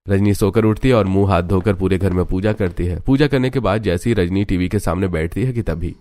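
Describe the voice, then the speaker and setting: A man narrating a cartoon story in a steady, scripted way. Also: low voice, a little fast.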